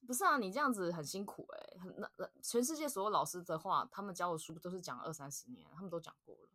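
A woman with a Taiwanese Mandarin accent co-hosting a podcast in casual chat, blunt, swearing and laughing loudly. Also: lowish voice, animated, fast, slightly rough. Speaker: podcast co-host.

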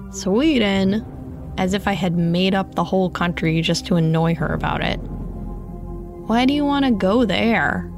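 A woman reading a first-person memoir aloud in a calm, measured storytelling voice. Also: mid-range voice, creaky. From United States. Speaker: narrator.

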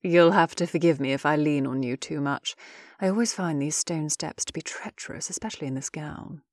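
A man's voice: on the high side, a little fast, no room sound, studio quality. A man reading a story, voicing a gracious and scheming female empress with regal, polished speech. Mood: gentle, gracious.

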